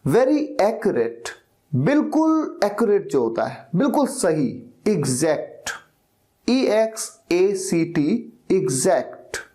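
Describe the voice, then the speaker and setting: A man teaching English vocabulary in a slow lesson, spelling each word out letter by letter and repeating it. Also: sits high, very animated, mellow.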